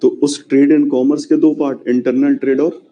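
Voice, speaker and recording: A man's voice: medium pitch, level tone, brisk, dull audio. A man lecturing a classroom on history, chatty and often checking whether students follow. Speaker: history teacher.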